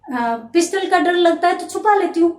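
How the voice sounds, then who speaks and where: Bitter, taunting wife character, read by a woman teacher; high voice, echoey room. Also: expressive, moderate pace, recorded from a distance. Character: angry wronged wife confronting a man.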